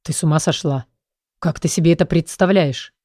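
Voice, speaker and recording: A gruff, hot-tempered father who guards his daughter fiercely, as a woman narrator puts him on. His voice is pitched low and dark, and it sits in a dry, close audiobook recording. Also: brisk, dry recording. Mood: furious. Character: stern protective middle-aged father, quick-tempered. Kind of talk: audiobook character voice.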